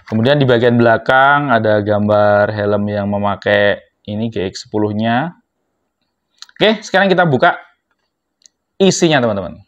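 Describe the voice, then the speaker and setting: In this dull, lo-fi clip that sounds like a homemade review, a vlogger and product reviewer with a fairly low, lively voice speaks at a normal pace, pausing often. He addresses his viewers casually, explaining each step of an unboxing and product demonstration.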